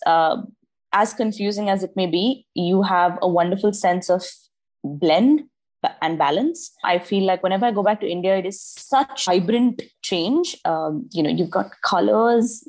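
A woman's voice: medium pitch, darkish tone. A young woman from Dubai, a guest artist, talking enthusiastically with many ums and restarts. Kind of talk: casual interview chat.

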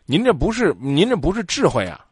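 A man's voice: on the high side, fairly quick, slightly rough, no room sound, studio quality. A man hosting a call-in advice show, talking bluntly and scolding the caller. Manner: blunt, lively, scolding, acts out quotes. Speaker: radio advice show host.

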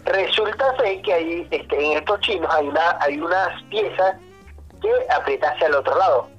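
A man telling a work story as a guest on a casual podcast, animated, swearing, often saying "brother". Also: a little high, moderate pace, husky, muffled recording, faint music behind.

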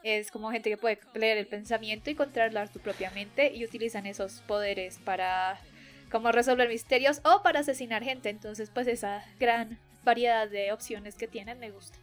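A woman's voice: on the high side, normal speed, soft background music. A young woman, talking casually as co-host of an anime podcast. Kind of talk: casual chat about anime.

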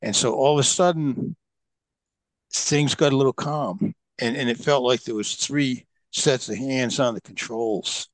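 The speaker is a middle-aged man whose medium-pitched voice runs a little slow in a dry recording. He's a podcast guest casually telling long stories, rambling with many fillers and restarts.

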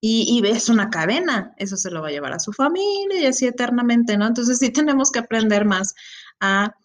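A middle-aged woman with a Mexican accent chatting on a panel, telling animated stories. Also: a little high, fairly quick. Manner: animated storyteller. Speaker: podcast co-host. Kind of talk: casual panel chat.

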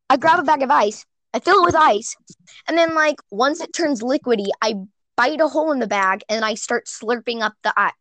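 A teenage girl chats on her podcast, her voice sitting high and recorded dry and close. She gets excitable and goes off in ranting bursts, peppered with "like". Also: no room sound. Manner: excitable, rants in bursts with lots of "like". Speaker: podcast co-host. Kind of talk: casual chat.

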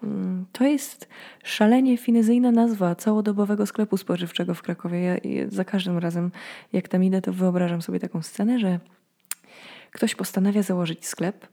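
Quiet, mellow young woman podcasting at night. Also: mid-range voice, steady tone, normal speed, vocal fry. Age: 20s. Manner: reflective, storytelling. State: sleepy. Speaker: podcast host. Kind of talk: personal late-night podcast monologue.

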